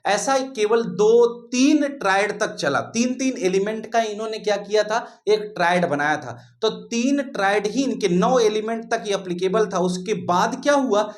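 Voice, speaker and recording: A man teaching a chemistry lesson, who calls his students "beta", asks questions and answers them himself, and repeats his key points. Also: high voice. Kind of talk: classroom lecture.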